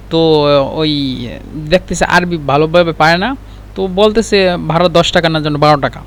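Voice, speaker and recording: A man's voice: on the high side, a bit bright, slight background noise. A man giving a casual Arabic lesson, chatty and full of restarts. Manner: chatty, with many fillers and restarts. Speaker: Arabic language teacher. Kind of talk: casual spoken lesson with an anecdote.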